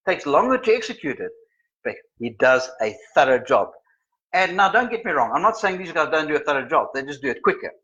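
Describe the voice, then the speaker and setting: Middle-aged man, trainer type, bright and lively delivery, acts things out. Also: on the high side. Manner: animated, acts out examples in voices. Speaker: personality trainer. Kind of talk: live-streamed lesson. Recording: slightly muffled sound.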